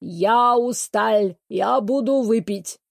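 A woman voicing a foreign male dance teacher who speaks slowly in broken, ungrammatical phrases. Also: on the high side, gravelly, no echo, studio quality, heavily acted. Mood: weary. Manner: broken grammar, slow and deliberate.

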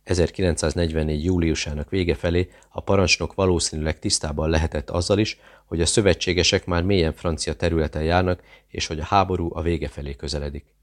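Man, very deep voice, audiobook narration, steady measured reading.

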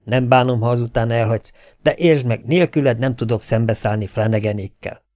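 A man voicing a gruff, impatient middle-aged sheriff in an audiobook. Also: mid-range voice, a little mellow, no room sound, clean studio sound, natural voice. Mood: urgent. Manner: grumbling, impatient. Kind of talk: audiobook dialogue.

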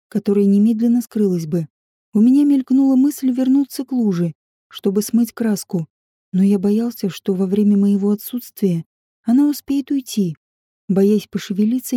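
A woman narrating an adventure novel audiobook in an even, measured reading. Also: medium pitch, breathy edge, dry recording, clean studio sound.

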